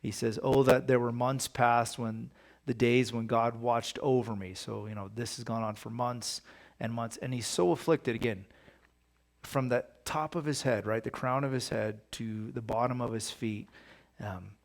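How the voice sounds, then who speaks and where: A man leads a Bible study in a relaxed, conversational way, pausing to read scripture aloud with extra weight. His voice sits at a middling pitch with a noticeably gravelly texture. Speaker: pastor.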